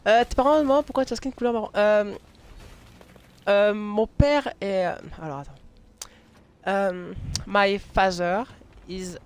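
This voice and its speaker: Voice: mid-range voice, steady tone, unhurried, smooth. A live streamer chatting casually while playing a game, hesitant, with many fillers and restarts, and laughing often.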